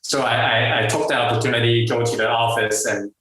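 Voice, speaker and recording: Telling his story in a casual interview, a middle-aged entrepreneur with a Hong Kong accent has a bright, forward voice at medium pitch with fairly even intonation. His speech is halting and full of fillers and restarts, with frequent laughs. He's far from the microphone in a strongly echoing room.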